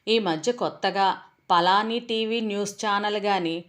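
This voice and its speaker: A woman voicing a lazy, easygoing young husband who answers his wife in a relaxed, teasing way, in a storybook reading. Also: medium pitch, unhurried, natural voice.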